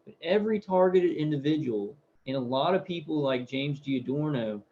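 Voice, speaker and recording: A man's voice: a little high, expressive, moderate pace, warm tone. Rambling man on a lo-fi live stream. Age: 30s. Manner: rambling, repeats words, many fillers. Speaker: live stream host reading viewer comments. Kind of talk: casual live-stream chat. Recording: dull lo-fi audio.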